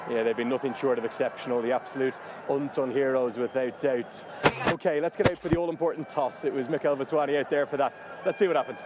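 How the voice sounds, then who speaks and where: Quick-talking man anchoring live sport. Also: medium pitch, fairly even intonation, very noisy. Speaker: sports broadcast host. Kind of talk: conversational cricket presenting.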